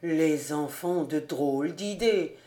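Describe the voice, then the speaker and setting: Old male farmer, gentle, sober, low and calm, unhurried, voiced by a woman reader. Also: echoey room.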